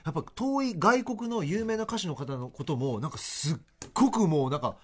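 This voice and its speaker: A husky man co-hosts a radio program in casual chat. His voice is slightly high and moves a lot, and he talks quickly, in an apologetic, easygoing way. He laughs easily as he goes. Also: animated. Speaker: radio co-host.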